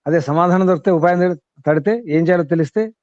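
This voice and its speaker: A man explains scripture to a class in a slightly high voice, repeating his points and turning them into questions. The sound is dull and lo-fi. It is also dry, with no room echo. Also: quick pace, darkish tone. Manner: repetitive, questioning, emphatic teaching. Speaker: teacher of scripture.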